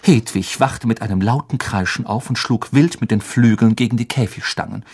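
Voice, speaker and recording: A man narrating a storybook in a calm, scripted reading. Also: fairly low pitch, moderate pace, slightly rough. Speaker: audiobook narrator.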